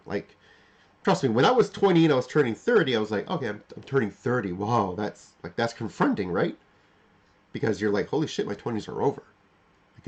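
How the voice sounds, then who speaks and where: A man in his forties hosts a livestream, delivering an unscripted, reflective monologue to live chat. His medium-pitched voice has a breathy edge, and he frequently repeats and rephrases himself for emphasis.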